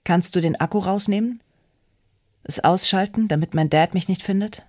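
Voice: medium pitch, normal speed, dry recording, studio quality, close to an everyday voice. A reader doing a scared drunk teenage girl. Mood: quiet.

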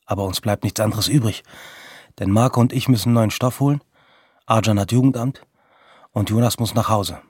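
Young man with a husky voice, telling street stories. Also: fairly low pitch, normal speed, pauses often, a little mellow, dry recording, clean studio sound. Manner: blunt, street-slang narration with quoted outbursts. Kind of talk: storytelling monologue in vignettes.

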